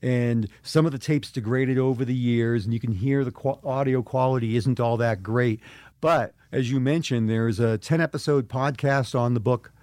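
A man's voice: medium pitch, fairly even intonation, normal speed, a little mellow, dry recording, clean studio sound. A middle-aged man speaking as an author in an interview, earnest and reflective, often restarting his sentences. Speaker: author and guest. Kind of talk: interview conversation.

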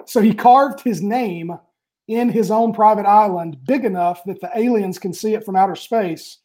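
A man talks casually on a podcast, with a mellow, darker voice. He chats through his explanations and adds asides as he goes. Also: sits high, moderate pace. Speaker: podcast co-host. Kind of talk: casual chat.

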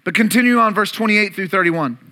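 Speaking a little fast with a sharp tone, this pastor's high voice carries his sermon to the congregation at a church service. He dramatizes the story and adds playful remarks aimed at the room.

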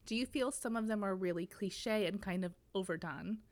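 A woman with a mid-pitched voice chats casually on a book podcast. She talks in a loose, easygoing way with plenty of filler words. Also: moderate pace. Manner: relaxed, conversational, many fillers. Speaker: podcast co-host.

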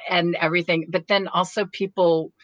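A woman's voice: fairly low pitch, little pitch movement, moderate pace, dry recording, dull audio. A woman actor chatting casually as an interview guest, laughing often and restarting her sentences. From United States.

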